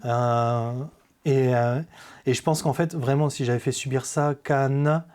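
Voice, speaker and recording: Male guest telling his own faith story; warm, low-lit tone, hesitant and sincere. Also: steady tone, clear, resonant tone. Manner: halting, with many hesitations and restarts; earnest, confessional. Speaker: podcast guest giving a testimony. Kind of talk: personal faith testimony in conversation.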